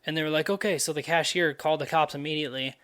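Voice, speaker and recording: A man's voice: fairly high pitch, flat delivery, rapid-fire, a bit bright, clear, resonant tone. A young man hosting a podcast, telling a story in a loose, profane, casual way full of fillers. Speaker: podcast host.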